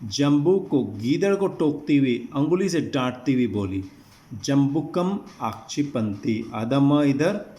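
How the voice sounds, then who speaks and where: A male teacher explaining a classroom text line by line, slowly glossing each word and repeating meanings. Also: medium pitch, lively intonation, mellow. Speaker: Sanskrit teacher.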